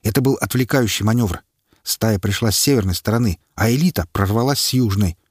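A man narrating a first-person action story in a steady storytelling manner. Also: fairly low pitch, fairly quick, dry recording, clean studio sound. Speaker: audiobook narrator.

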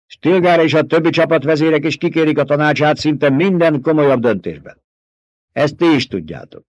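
A young rebel leader who commands a crowd with forceful, challenging questions, as a male audiobook reader voices him. He sits slightly higher and louder than the narration around him. The recording is dry and a little dull. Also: expressive, dry recording, close to an everyday voice. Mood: commanding. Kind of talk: audiobook character voice.

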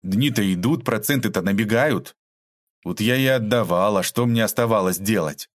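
A man's voice: on the low side, moderate pace, no room sound, lightly acted. A man reading an audiobook aloud, voicing a sullen young man in debt who grumbles and panics.

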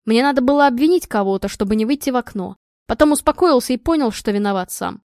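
A woman's voice: fairly high pitch, expressive, fast talker, a little mellow, dry recording, studio quality. A woman reading the part of a panicky, hot-headed husband who defends himself desperately. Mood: remorseful.

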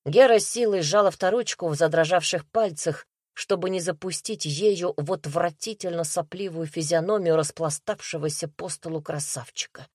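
Low-voiced woman narrating a crime story. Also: normal speed, hardly any pauses, a little mellow, no echo, studio quality. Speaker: audiobook narrator. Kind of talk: scripted narration of a crime novel.

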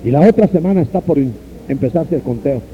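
A man preaching a sermon with passion, swinging from soaring cries to low asides and calling the listeners brother. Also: lively intonation, quick pace, soft background music. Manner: addresses listeners directly as brother. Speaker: pastor. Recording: dull lo-fi recording with faint hiss.

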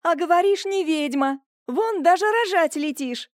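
A woman voicing a quick-witted woman friend who jokes and encourages. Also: very high-pitched, lively intonation, no room sound, studio quality, voice pushed up. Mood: joking. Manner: joking, encouraging.

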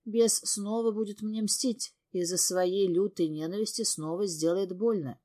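A woman's voice: medium pitch, fairly even intonation, measured pace, warm tone. A woman narrating a first-person audiobook in an intense, emotional way. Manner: intense, emotional, breathless reading.

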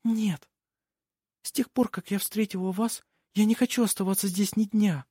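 A man voicing a frightened young girl who pleads in a hushed whisper. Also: high-pitched, fairly even intonation, normal speed, husky, dry recording, studio quality, voice pushed up. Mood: hushed pleading.

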